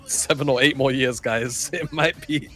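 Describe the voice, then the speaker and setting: A man's voice: medium pitch, moderate pace, a bit bright, soft background music. A man, co-hosting a livestream and chatting casually with viewers. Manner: chatty, swearing, laughs often. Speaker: stream co-caster.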